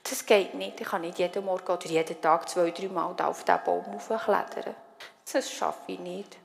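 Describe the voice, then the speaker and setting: A woman's voice: lowish voice, fairly even intonation, normal speed, vocal fry, long reverb tail. A woman voicing a homesick young male bunny who speaks earnestly. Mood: regretful.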